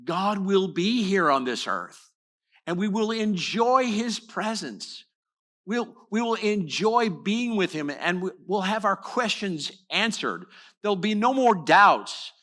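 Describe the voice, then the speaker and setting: A man preaches in a church with a bright, forceful voice pitched a little above the usual. He talks earnestly, doubling back on words and restarting phrases as he presses his point. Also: very animated, slow. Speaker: pastor. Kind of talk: sermon. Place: church sanctuary.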